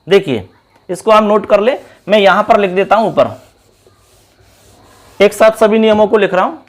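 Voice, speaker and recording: A man's voice: sits high, normal speed. A man teaching a Sanskrit grammar class at a board. He explains step by step, repeats key terms and calls his viewers friends.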